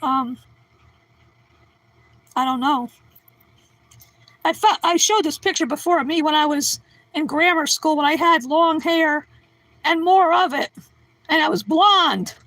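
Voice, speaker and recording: A woman's voice: high voice, unhurried, pauses often, fairly bright tone, no echo, low-quality recording. A middle-aged woman hosting a casual livestream at home, answering chat and cracking goofy, self-deprecating puns. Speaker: livestream host reading chat.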